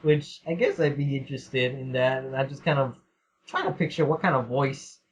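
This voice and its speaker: A man with a medium-pitched voice, speaking at normal speed, hosts a casual podcast Q&A. He rambles, laughs often and swears while reading listener questions aloud, all in dull lo-fi sound.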